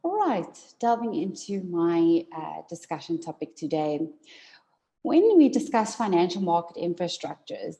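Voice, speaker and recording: A South African woman, an attorney, gives a formal conference presentation at a measured pace, her medium-pitched voice dark in tone. She uses frequent fillers and repeats words.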